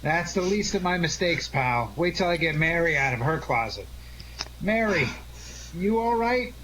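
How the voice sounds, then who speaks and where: In a 1940s-style radio detective drama, a man plays a glib, wisecracking, fast-thinking amateur sleuth who is placating the others. His fairly high, expressive voice moves at a moderate pace over a noisy background, lightly acted.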